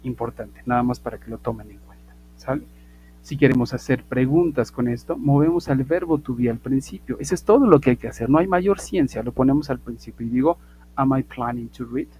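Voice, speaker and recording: A man teaching a basic English class online, repeating points emphatically, asking "ok?" often and modeling English phrases slowly. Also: mid-range voice, dark tone, a little hiss or hum, rough recording. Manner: repetitive, emphatic, checks understanding with "ok?".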